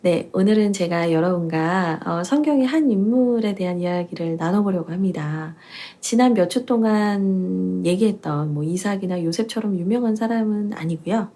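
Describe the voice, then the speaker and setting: Female pastor, conversational Bible teaching, playful tone, breathy timbre. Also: mid-range voice, moderate pace, warm tone. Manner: chatty, playful, with laughs and quiz-like questions. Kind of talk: casual Bible teaching talk.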